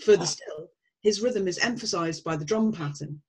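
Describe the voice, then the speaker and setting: A woman's voice: fairly low pitch, moderate pace, darkish tone, slightly rough, poor audio. A woman presenting a scripted analysis in an analytical manner.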